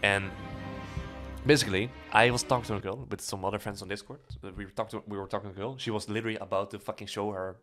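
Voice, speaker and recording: Quick and steady, with a lowish, fairly bright voice, a young Dutch-accented streamer in his twenties talks with faint music behind him. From the Netherlands, he rambles casually, full of fillers and curses, into a studio mic on a boom arm in a small dark room.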